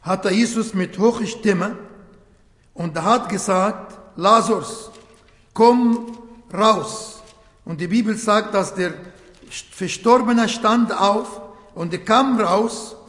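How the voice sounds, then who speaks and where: A man with a high voice preaches slowly and deliberately, stopping to restart phrases and search for words. His earnest stresses ring out in a roomy church hall with a long, echoing reverb. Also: a bit bright. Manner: slow and emphatic, voice rising in earnest stress. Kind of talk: sermon.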